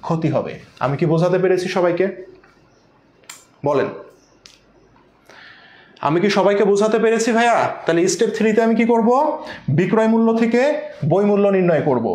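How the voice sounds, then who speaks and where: A male accounting teacher with a high voice lectures an online class. He repeats every step, asks the students rhetorical questions and answers them himself. The room around him is echoey. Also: lively intonation, brisk, pauses often, darkish tone. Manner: addresses students as brother.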